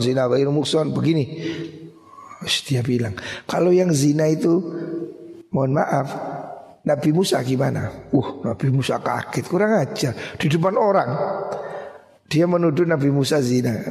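A middle-aged man with a Javanese accent, preaching a lively storytelling sermon and acting out the voices of his characters. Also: mid-range voice, vocal fry. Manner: animated, acts out voices in his stories, mixes in Javanese. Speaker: Islamic preacher. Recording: echoey hall.

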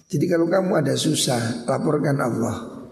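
A man's voice: medium pitch, moderate pace, gravelly, a little mellow. A man preaching a sermon and telling a personal story, tagging many sentences with "ya". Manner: storytelling with frequent "ya" tags. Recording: echoey hall.

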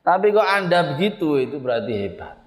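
A man's voice: on the high side, sing-song, a little fast. A man with a Javanese accent teaching a religious text study, explaining terms aloud and mixing recited Arabic with casual local asides. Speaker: Islamic kitab teacher. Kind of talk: religious kitab study lesson. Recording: echoey hall with long reverb.

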